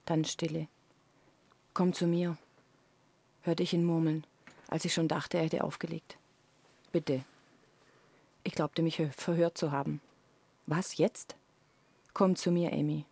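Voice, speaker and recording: A woman, the author, reading aloud a passage from her own erotic novel in a close, hushed reading voice. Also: sits low, flat delivery, measured pace, creaky, pauses often, dry recording.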